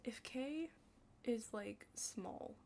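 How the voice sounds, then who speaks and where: Slightly high in pitch, a young adult woman rambles through an ASMR study-partner roleplay, hushed and halting, with some whispering and constant "like." A faint hiss or hum sits under the recording.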